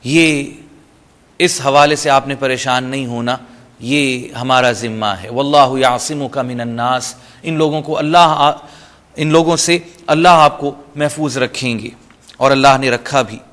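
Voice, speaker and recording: A man's voice: medium pitch, fairly bright tone. Man teaching with a long echo. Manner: patient step-by-step explaining, mixing in English terms; recites short Arabic phrases slowly between explanations. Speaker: Quran reading teacher. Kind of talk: explanatory lesson.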